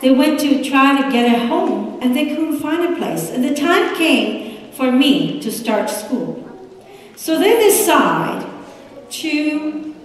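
A woman's voice: sits high, big pitch swings, takes it slowly. A middle-aged woman pastor with a Puerto Rican accent preaching a sermon, gesturing as she speaks at the pulpit. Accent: Puerto Rican Spanish. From United States. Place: large church sanctuary. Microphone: room mic from a distance. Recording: echoey sanctuary from far off.

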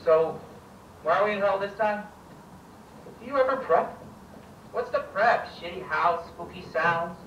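A man's voice: sits high, measured pace, pauses often, fairly bright tone, roomy sound, far from the mic, lo-fi sound, slight background noise. An actor playing a brash, foul-mouthed male TV show host in a video game, bossy and profane. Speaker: game character.

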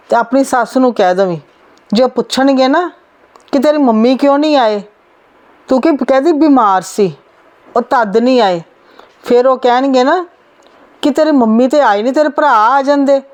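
A woman's voice: sits high, darkish tone, natural voice. A woman playing a poor mother who coaxes and instructs her married daughter, in a family drama. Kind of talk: amateur family drama acting.

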